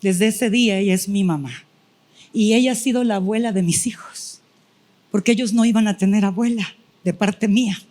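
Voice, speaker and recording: Middle-aged woman, preacher, emotional sermon testimony, acts out her own prayers, mid-pitched voice. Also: moderate pace, warm tone.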